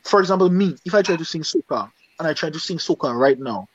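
A singer from Dominica, speaking with a Dominican accent, chats casually as an interview guest and keeps asking "you understand?" His voice is highish, husky and lively, delivered quickly; the audio is dull with no echo.

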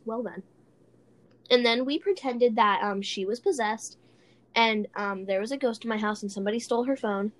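A woman's voice: fairly high pitch, moderate pace. Giggly young woman rambling through stories. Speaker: podcast co-host. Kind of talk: casual chat.

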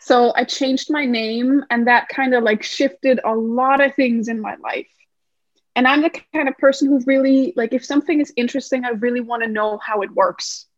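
A woman's voice: a little high, steady tone, moderate pace, no room sound, dull audio. A woman from Denmark, a guest numerologist, explaining her work thoughtfully with many fillers. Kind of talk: podcast interview.

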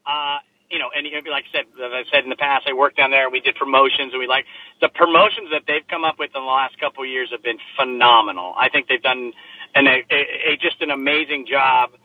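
A man co-hosting a casual sports chat over a low quality remote stream from a laptop in his car, talking in a joking, chatty way with plenty of filler words. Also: steady tone, quick pace, no echo, narrow, tinny audio. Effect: low quality remote stream audio. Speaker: sports podcast co-host. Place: inside a parked car. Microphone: laptop microphone.

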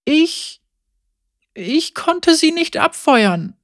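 A man reading a story aloud and voicing a frightened young girl in a very high, shrill voice. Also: steady tone, measured pace, a bit bright, no room sound, clean studio sound. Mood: shaken.

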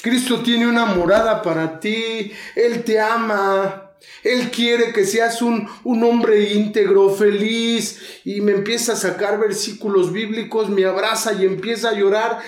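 A man's voice: high voice, steady tone, measured pace, echoey room. A man in his thirties with a Mexico City accent telling his recovery story, slangy and intense, acting out the voices in the scenes. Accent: Mexico City Spanish. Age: 30s. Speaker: guest sharing a recovery testimony. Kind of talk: emotional personal testimony.

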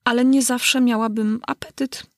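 A woman's voice: on the high side, fairly even intonation, moderate pace, no echo, clean studio sound, pitched above the performer's own voice, close to an everyday voice. A woman voicing a curious, polite young girl who asks earnest, prim questions in a storybook reading.

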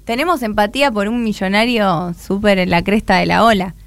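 A woman's voice: medium pitch, steady tone, fairly quick, no echo. A woman with an Argentine accent co-hosting a radio show, chatting casually and joking. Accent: Argentine Spanish. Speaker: radio co-host.

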